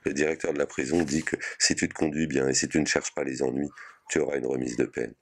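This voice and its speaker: Brief: male reader voicing an aging mother, tearful, pleading, very deep-voiced reading. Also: fairly even intonation, fast talker, breathy edge, exaggerated voice. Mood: hopeful. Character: grieving aging mother visiting her son in prison.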